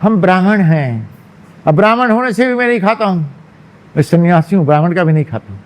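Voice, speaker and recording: A man's voice: high-pitched, sing-song, fast talker. A man voicing a proud wandering monk who complains indignantly. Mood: firm.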